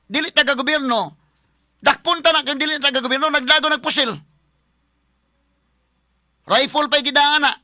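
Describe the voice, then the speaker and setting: A man, a lawyer hosting a casual online commentary, talking to viewers as friends with a halting, filler-heavy delivery. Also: very high voice, bright, forceful tone, no echo, clean studio sound. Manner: chatty, talks straight to viewers as friends; halting, with many fillers and restarts.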